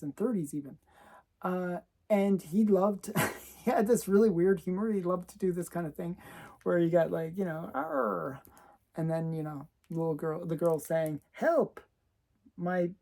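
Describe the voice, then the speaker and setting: A woman's voice: fairly low pitch, warm tone. A woman comic collector chatting casually as she shows her collection, laughing often between remarks. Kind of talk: casual show-and-tell chat.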